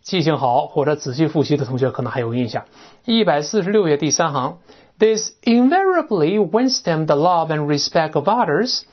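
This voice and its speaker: Lively chatty vocabulary teacher, lo-fi. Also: mid-range voice, normal speed. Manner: animated, chatty, imitates sounds, often asks "right?". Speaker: English teacher. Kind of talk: classroom-style lecture on vocabulary. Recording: dull lo-fi recording.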